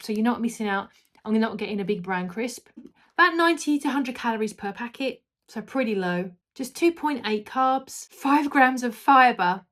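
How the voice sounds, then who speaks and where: A woman with a slightly high voice reviews a snack product. She talks casually and enthusiastically, in a chatty promotional style aimed at viewers.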